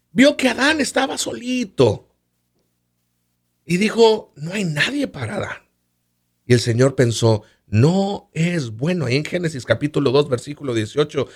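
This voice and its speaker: High, lively-voiced man preaching. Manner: preachy, asks rhetorical questions, quotes scripture. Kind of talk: sermon-style teaching on marriage.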